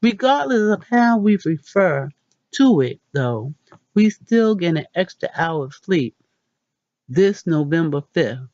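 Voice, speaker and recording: A woman hosting a casual pronunciation lesson, chatty and self-deprecating, repeating words slowly. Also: lowish voice, very animated, a little mellow, dry recording, highs cut off. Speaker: channel host.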